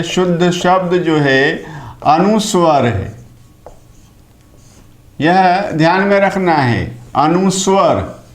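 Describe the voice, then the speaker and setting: Slow, deliberate male Hindi teacher. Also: a little high, roomy sound. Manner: slow, deliberate explaining with repetition. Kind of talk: online lecture.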